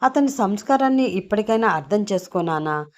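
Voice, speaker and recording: A woman voicing a calm old grandfather giving gentle advice, in a storybook reading. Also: mid-range voice, brisk, close to an everyday voice.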